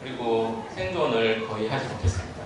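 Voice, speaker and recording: Male lecture interpreter, halting, English terms mixed in, heard from afar in a heavily reverberant room with faint noise. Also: medium pitch, lively intonation. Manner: halting, mixes English terms into Korean, restarts phrases. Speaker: interpreter and medical researcher. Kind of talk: consecutive interpreting at a medical lecture. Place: large echoing room at a talk. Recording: very echoey room, distant mic, faint noise.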